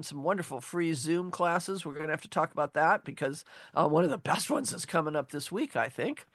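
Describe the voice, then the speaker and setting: A woman hosting a radio talk show, chatting warmly with lots of fillers and gushing words. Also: on the low side, no echo, studio quality. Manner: chatty and gushing, many fillers like gosh and golly. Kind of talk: casual radio chat. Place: radio studio. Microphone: studio microphone.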